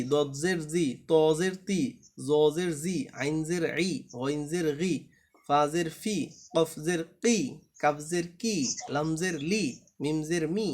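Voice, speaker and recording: Male teacher, fairly high voice, patient, repeats letter sounds for an online class. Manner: patient, drills letters aloud, asks the class to check understanding. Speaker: Quran reading teacher.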